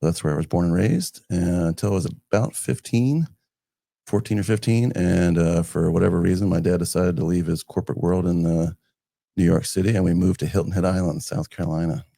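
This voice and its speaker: A man in his fifties from northern New Jersey, a community foundation director appearing as a guest, tells his life story conversationally, rambling with fillers and restarts. His voice is low-pitched, creaky and dark, fairly quick with fairly even intonation. The recording is dry.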